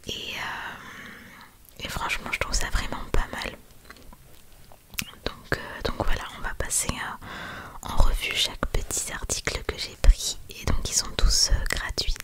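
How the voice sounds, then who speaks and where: A young adult woman speaking in a hushed, library-quiet whisper, presenting items in a soft ASMR style. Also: slow pace, pauses often. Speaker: ASMR video creator.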